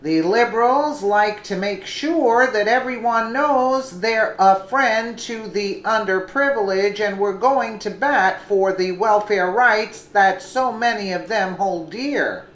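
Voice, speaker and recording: A woman hosting a news commentary segment, reading her script deliberately and correcting herself now and then. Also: medium pitch, reverberant, rough recording. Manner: slow, deliberate reading with an occasional self-correction.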